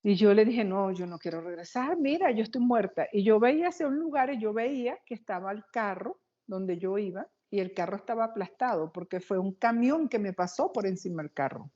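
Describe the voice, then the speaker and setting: A woman guest in an interview tells her own story with eager, tumbling energy, words rushing out as she relives it. Her voice is mellow and warm rather than bright. The recording is a little dull and muffled. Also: medium pitch. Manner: animated, quick, excitable retelling.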